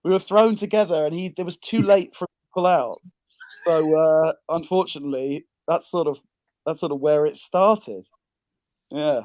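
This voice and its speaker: A man's voice: on the high side, normal speed, a little mellow, no echo. A man from England talking over an audio-only call, self-deprecating and rambling with restarts. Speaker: guest, kidney donor. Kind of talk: casual interview chat. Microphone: video call, audio only.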